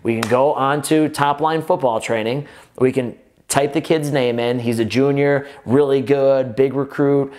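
An energetic man, a gym owner giving fitness business advice straight to the camera in run-on sentences full of restarts, seated at a table in an indoor office. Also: medium pitch, a little hiss or hum. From United States. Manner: energetic, run-on sentences with frequent restarts, gestures with both hands.

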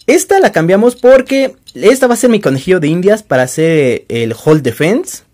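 A man with a Mexican accent chats casually to his viewers, showing things off in a show-and-tell vlog. His pitch swings widely as he jokes and pokes fun at himself. He sounds relaxed and talkative. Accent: Mexican Spanish. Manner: chatty, joking, self-deprecating. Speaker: toy-collecting channel host.

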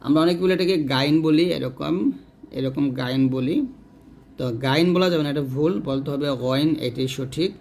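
Gravelly-voiced man teaching letter sounds. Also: fairly high pitch, moderate pace, a little mellow. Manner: demonstrates each letter, asks and answers his own questions. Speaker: Quran teacher. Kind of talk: step-by-step pronunciation lesson.

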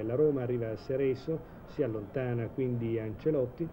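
Sharp, bright-voiced male football commentator. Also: medium pitch. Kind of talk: live TV match commentary, 1980s broadcast. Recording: old TV broadcast, steady stadium noise.

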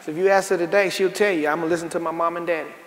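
A high-voiced man preaches to his congregation, folksy and direct, rising into emphatic bursts. His voice rings through a large church sanctuary with long reverb. A faint hiss sits under the recording. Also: steady tone, very fast, crowd noise. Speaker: pastor. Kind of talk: sermon. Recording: echoey church hall with faint noise.

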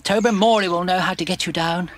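An actor voicing a practical, bossy older male womble who gives brisk orders in a cartoon. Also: high-pitched, fairly even intonation, fairly bright tone. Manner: brisk, commanding. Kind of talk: cartoon voice acting.

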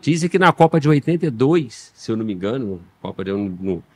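A middle-aged man from Minas Gerais, Brazil, guests on a podcast and talks about the bike shop he owns, speaking Brazilian Portuguese with a slight local accent. His mid-range voice moves fast, and the recording has no room sound. The casual interview chat is relaxed but hesitant, with many restarts.

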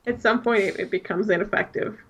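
A woman's voice: mid-range voice, a little fast, a bit bright, slight background noise, low-quality recording. A woman co-hosting a game stream, reading instructions aloud and teasing with laughter. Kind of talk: casual game stream chat.

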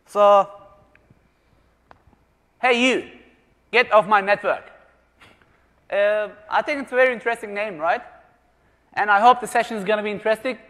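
A German man gives a jokey conference presentation in a large conference room, quizzing the live audience with questions. His high, bright, forceful voice moves at normal speed with frequent pauses, and the recording carries the long reverb of a large hall.

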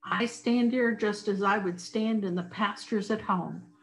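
A woman's voice: medium pitch, a little slow, close to an everyday voice, poor audio. A woman voicing a bold, fearless young shepherd boy in a storybook reading, speaking in earnest, insistent exclamations. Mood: steadfast.

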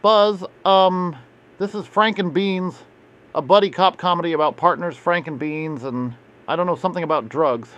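A man's voice: on the high side, moderate pace, fairly bright tone, dull audio, a little hiss or hum, natural voice. A man voicing a timid, hairy monster intern who speaks meekly and hesitantly. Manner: meek and hesitant. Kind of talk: puppet comedy.

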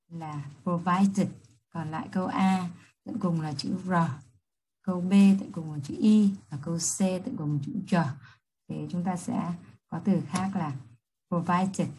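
A woman English teacher with a Vietnamese accent, reading test questions slowly and then explaining each answer quickly. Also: fairly low pitch, warm tone, slightly rough, low-quality recording. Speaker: high school English teacher. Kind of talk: exam review lesson.

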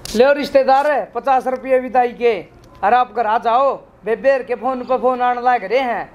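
Man playing high-voiced exasperated Haryanvi brother-in-law. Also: unhurried. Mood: coaxing, fed up. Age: young adult. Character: exasperated young brother-in-law, scheming to shed his guest. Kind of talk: Haryanvi comedy skit acting. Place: open concrete house courtyard, outdoors. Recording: outdoor ambience, faint noise.

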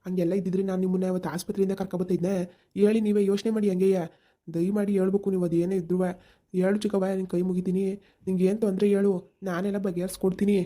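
Woman doing a kind, quick-talking village lad. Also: medium pitch, level tone, warm tone, close to an everyday voice. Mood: insistent. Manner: insistent, reassuring, talks over worries. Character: young village man, kind, caring nephew. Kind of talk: cartoon voice acting.

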